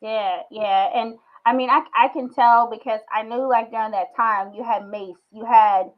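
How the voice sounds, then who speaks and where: A woman's voice: a little high, steady tone, moderate pace. Upbeat woman interviewer, muffled sound. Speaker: interviewer, host. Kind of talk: casual interview conversation.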